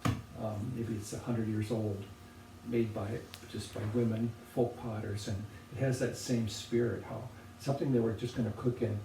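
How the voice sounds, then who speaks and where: Older male potter, thoughtful and unhurried; gravelly, captured from across a roomy space. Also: on the low side, level tone, warm tone. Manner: thoughtful, unhurried, with pauses and restarts. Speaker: potter presenting objects. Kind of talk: relaxed reflective conversation. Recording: roomy, distant from the mic, faint noise.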